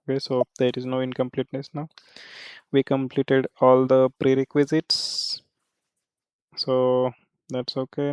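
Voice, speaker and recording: A male software trainer walks through a screen step by step, speaking haltingly and repeatedly tossing in check-in tags. His mid-range voice has a clean tone, and the recording is dry.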